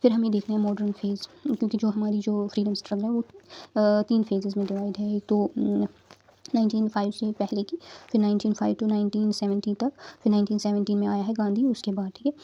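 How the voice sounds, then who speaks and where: A woman's voice: medium pitch, flat delivery, fairly quick, warm tone, muffled recording. A young woman tutoring exam candidates in a casual study-guidance talk, explaining step by step with frequent fillers and check-ins.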